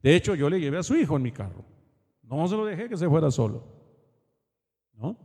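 Male preacher, slightly high voice, colloquial sermon, long hall reverb. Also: sing-song, fairly quick, a little mellow, husky. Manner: colloquial, asks the congregation "¿verdad?" often. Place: church hall.

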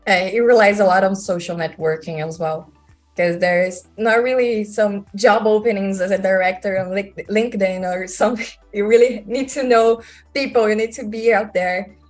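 A woman's voice: medium pitch, moderate pace. Brazilian woman, chatting as a filmmaker guest, music behind her. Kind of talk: conversational interview answers.

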